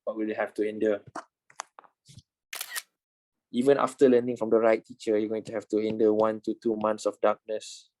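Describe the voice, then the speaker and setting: A Malaysian trading instructor in his twenties talks informally in an online class, repeating himself and swearing casually. His voice is lowish and darkish, delivered fast and completely flat, and the audio is poor.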